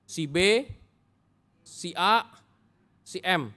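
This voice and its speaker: A high-voiced man preaches a Sunday sermon in a church. He moves between earnest exhortation and playful jokes to the congregation. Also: extremely slow. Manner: humorous, animated preaching. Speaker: pastor.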